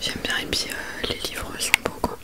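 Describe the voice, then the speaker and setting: A young adult woman chatting informally about books in a soft, breathy library whisper for ASMR, hesitant and often trailing off mid-phrase. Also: moderate pace. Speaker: ASMR book reviewer. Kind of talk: whispered ASMR book chat.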